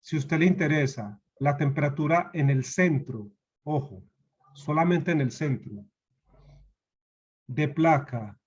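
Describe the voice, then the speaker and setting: A man's voice: on the high side, takes it slowly, pauses often, darkish tone, breathy edge, muffled recording. A man with a Colombian Spanish accent giving a university lecture over a video call, patiently repeating key points and asking his students questions. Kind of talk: online class lecture.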